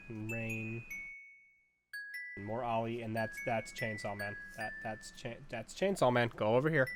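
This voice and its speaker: Rambling man sorting trading cards. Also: mid-range voice. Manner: rambling, self-mocking, laughs and stammers while sorting cards. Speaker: card-opening channel host. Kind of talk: casual unboxing commentary.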